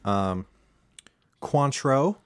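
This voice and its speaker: A man's voice: medium pitch, animated, drawn-out words, smooth, dry recording. A man hosting a casual chat, explaining a drink recipe with plenty of fillers and restarts. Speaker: home bartender host.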